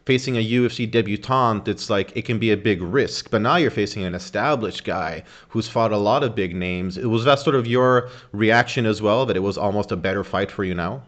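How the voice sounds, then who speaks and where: A man's voice: lowish voice, fairly quick, hardly any pauses, fairly bright tone. A young man interviewing a fighter over a video call from a room at home, asking long, wordy questions. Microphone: video call webcam with earphones. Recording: dull lo-fi video call audio.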